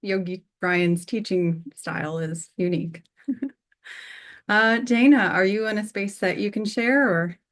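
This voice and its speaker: A woman's voice: mid-range voice, measured pace. A woman hosting a workshop on a video call, inviting each participant to share in a friendly way. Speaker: host, workshop facilitator. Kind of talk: leading introductions on a video call.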